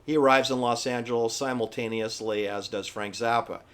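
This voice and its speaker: A man giving informal, opinionated history commentary in an emphatic, halting, repetitive manner. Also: medium pitch, steady tone, a bit bright, clean tone. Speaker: presenter. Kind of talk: informal conspiracy-history commentary over pictures.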